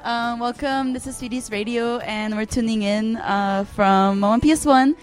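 A woman's voice: on the high side, measured pace, faint music behind. A woman hosting a small radio show from a crowded art book fair, talking casually and a bit hesitantly. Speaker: host.

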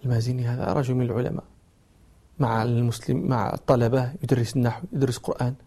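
A man giving a religious lesson, telling a story and patiently explaining grammar with lively rhetorical questions. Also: medium pitch, fast. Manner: explains grammar patiently, acts out quoted dialogue. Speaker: Islamic scholar and teacher.

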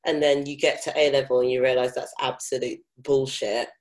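A young woman from South London, with a mild local accent, chats candidly as an interview guest and tells personal stories. Her voice is extremely low and level, a little fast, and her informal talk is full of swearing and the filler "like".

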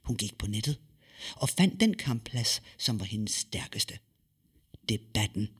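Husky guy narrating a story, lively, plays with his pitch, dramatic pauses. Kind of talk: storytelling audiobook reading.

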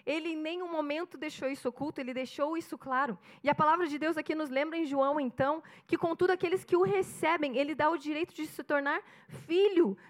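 Animated Brazilian woman pastor, high voice. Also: fast, few pauses. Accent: Brazilian Portuguese, Curitiba. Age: 30s. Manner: animated storytelling, acting out dialogue. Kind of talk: sermon.

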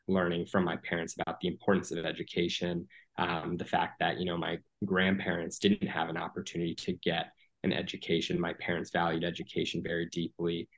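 A man in his thirties from the United States speaks as an interview guest in a low, even voice that barely rises or falls. He talks earnestly and steadily, leaning on "um" and "you know" as he gathers his thoughts. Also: vocal fry, low-quality recording. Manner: earnest, measured, many "um" and "you know" fillers. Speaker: guest, former political appointee. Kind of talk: podcast interview.

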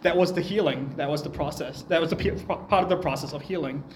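A man's voice: a little high, fast, reverberant, slight background noise, low-quality recording. A young man preaching a sermon in a church, speaking in a conversational, personal way.

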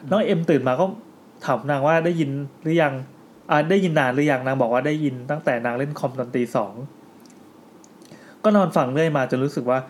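A man's voice: fairly high pitch, slight background noise. A man hosting a podcast, retelling listener ghost stories to his co-hosts in a storytelling way and reading letters aloud with his own asides. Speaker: podcast host. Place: indoor studio with co-hosts.

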